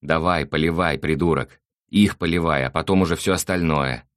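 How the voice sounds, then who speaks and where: Man doing a brutal thug, swearing, bossy, mocking, very deep voice, dry sound. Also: moderate pace, dry recording. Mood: barking orders. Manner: swearing, barking orders.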